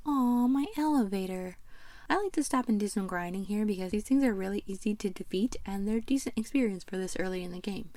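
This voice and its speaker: A woman's voice: mid-range voice, fairly quick, dark tone, dry recording. A woman hosting a video essay, narrating a game recap in a chatty, playful way with fond asides. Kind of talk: casual game commentary narration.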